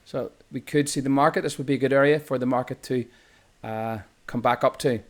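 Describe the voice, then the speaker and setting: A man's voice: mid-range voice, fairly even intonation, brisk. An Irish man talks through a trading chart lesson in an ordinary mid-range voice. He explains in a loose, unscripted way, restarting phrases and correcting himself mid-sentence. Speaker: trading instructor. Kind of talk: screen-recorded chart tutorial.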